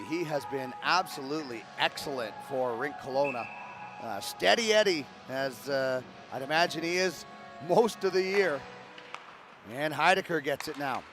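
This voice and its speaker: A man calling live hockey play-by-play, brisk and rising with the action. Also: on the high side, a bit bright. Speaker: play-by-play commentator.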